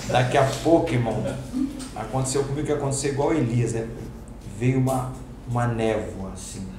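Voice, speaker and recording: A man, a pastor, telling a personal testimony to a class, acting out each exchange in slangy, lively speech. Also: mid-range voice, measured pace, long pauses. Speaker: pastor and teacher. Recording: roomy hall with background noise.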